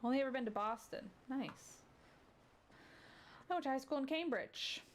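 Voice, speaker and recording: A woman's voice: high voice, normal speed, a little hiss or hum. A woman hosting a game playthrough, chatting in rambling asides and letting out sudden startled yelps. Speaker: let's play host. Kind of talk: casual gaming chat. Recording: game music under the voice. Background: game music.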